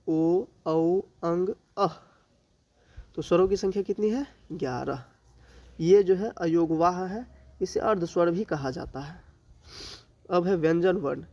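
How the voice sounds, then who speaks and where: High-voiced male teacher, slow and deliberate. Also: a little mellow. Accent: Bihari. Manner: slow, drawn-out listing with rhetorical questions he answers himself. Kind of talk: exam-prep grammar lesson.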